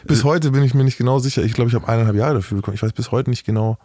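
A man's voice: mid-range voice, rapid-fire, dark tone, no room sound. A middle-aged man speaking as an interview guest, talking frankly and matter-of-factly in a casual interview.

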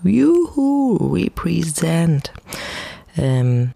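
Speaking very slowly into a close microphone at home, a woman hosts a casual podcast on her own in a fairly low, sing-song voice. There's vocal fry, a mellow, husky quality and a dry recording, and her manner is chatty, informal and self-deprecating.

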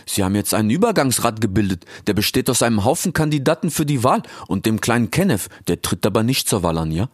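A man's voice: on the low side, big pitch swings, fast, few pauses, husky, dry recording, studio quality, voice pushed up. A man voicing a brash, cheerful young male animal who talks in street slang, in an audiobook. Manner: slangy, tags lines with "ja?" and "ich schwör". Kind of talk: audiobook character voice.

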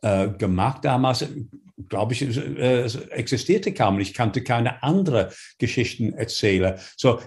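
A man's voice: mid-range voice, lively intonation, unhurried, darkish tone. A man from England with an English accent, a native English speaker, answering interview questions as a storyteller, hesitant and full of fillers while he searches for words.

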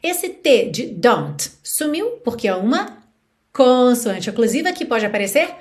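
A woman's voice: a little high, sing-song, unhurried. Brazilian woman teaching English pronunciation. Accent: Brazilian Portuguese. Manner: explanatory, often checks in with "ok?" and "certo?". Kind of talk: language lesson explaining song lyrics.

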